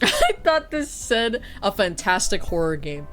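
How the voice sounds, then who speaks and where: In a medium-pitched, fairly bright voice with huge pitch swings, a woman streamer and teacher chats unhurriedly during her stream. She's stuffy-nosed and sniffly, swearing and self-deprecating, with faint music behind.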